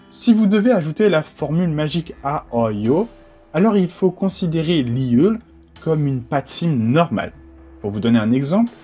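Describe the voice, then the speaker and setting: A man giving an online grammar lesson, explaining rules in a relaxed, chatty way with joking asides. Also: fairly high pitch, breathy edge. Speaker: Korean language teacher.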